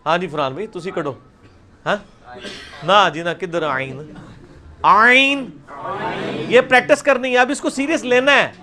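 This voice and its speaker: A man teaching a recitation class over a video call, repeating each sound slowly and loudly for his students. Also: high voice, animated.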